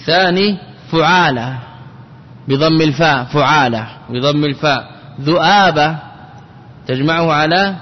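A man's voice: fairly high pitch, a little slow, long pauses, big-room sound, dull audio. A man, a sheikh, teaching an Arabic grammar lesson, repeating word forms and checking his students with questions.

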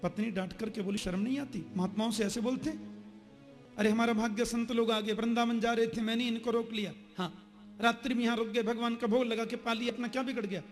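High-voiced man telling a devotional story. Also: flat delivery, fast talker, soft background music. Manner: storytelling with voiced characters, shifting pitch and loudness. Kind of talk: Hindi katha sermon with acted dialogue.

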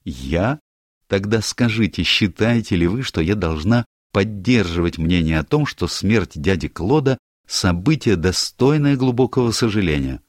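A man's voice: on the low side, animated, moderate pace, no echo, clean studio sound, voice pushed up. Barbara, a mocking young woman, as a man puts her on. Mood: teasing. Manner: teasing, gushing. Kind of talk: audiobook character voice.

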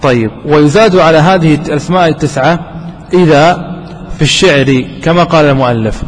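A man teaching a classroom grammar lesson, quizzing his students and repeating examples slowly. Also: fairly high pitch. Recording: long hall reverb, faint background noise.

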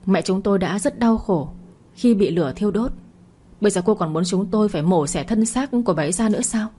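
A woman's voice: medium pitch, expressive, brisk, mellow, slight background noise, close to an everyday voice. A woman voicing a scheming, greedy middle-aged husband who blusters and gets defensive, in a storybook narration. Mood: indignant.

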